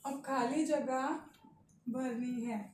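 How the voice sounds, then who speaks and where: A woman's voice: high voice, fairly even intonation, a little mellow, a little hiss or hum. A woman teacher with a Pakistani Urdu accent, patiently explaining a lesson to young children. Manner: slow, patient, addresses children directly. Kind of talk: primary school lesson. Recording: echoey room, mic at a distance.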